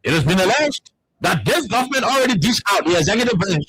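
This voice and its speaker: A man's voice: high voice, big pitch swings, quick pace, a bit bright, slightly rough, no room sound, poor audio. A man with a Liberian English accent, hosting a heated political panel talk and repeating words as he presses his points. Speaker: talk show host.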